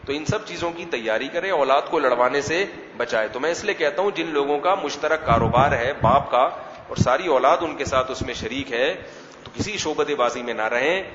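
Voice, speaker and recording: A man's voice: medium pitch, animated, background noise. A man, an Islamic scholar, giving a weekly religious lecture in a conversational way, asking questions and answering them himself. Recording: echoey hall, slightly dull sound.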